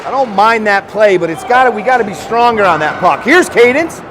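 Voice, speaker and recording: A man calling a hockey game live, excitable and chatty, shouting on scoring chances and joking with the listeners. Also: high voice, fairly quick, background noise. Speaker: play-by-play commentator.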